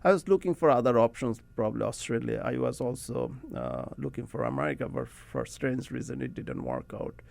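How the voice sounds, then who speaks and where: A middle-aged man from Bangladesh with a Bangladeshi accent, a guest in a radio studio interview, telling rambling, relaxed stories and often laughing. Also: mid-range voice, brisk, gravelly, hardly any pauses, no echo. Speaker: guest academic. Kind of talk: casual interview talk.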